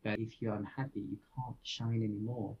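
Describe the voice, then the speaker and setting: A man's voice: on the low side, flat delivery, moderate pace, a little mellow, highs cut off. Earnest man from France reflecting. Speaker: podcast guest. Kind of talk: casual chat.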